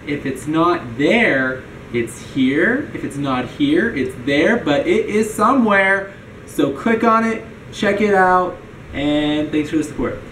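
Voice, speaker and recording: A man's voice: fairly high pitch, animated, slow pace, a bit bright, slight background noise. A young man hosting a casual vlog, giggly and teasing, heard from a distant camera mic in a roomy space. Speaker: YouTube host.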